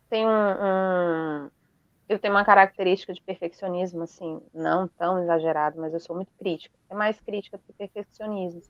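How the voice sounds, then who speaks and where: Woman co-host, mid-pitched, thoughtful and measured, dry and slightly muffled recording. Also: a bit bright, no room sound. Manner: reflective, measured, self-critical. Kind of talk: casual chat.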